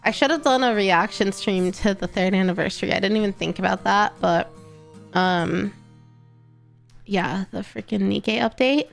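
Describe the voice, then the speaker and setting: A young woman streamer from Texas chats casually to her live chat, rambling and correcting herself, her voice congested, nasal and creaky. She speaks at a moderate pace in a medium pitch over soft background music.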